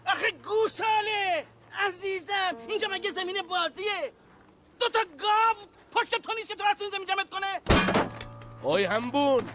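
A man's voice: very high-pitched, big pitch swings, pauses often, music in the background. An actor playing a hot-tempered, blustering mechanic and father who scolds and grumbles. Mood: blustering, scolding.

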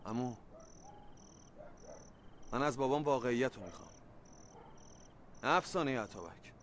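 A man's voice: medium pitch, lively intonation, fairly bright tone, slight background noise, lightly acted. An actor playing an angry young man demanding the truth about his father, pleading and bursting out, in a radio drama.

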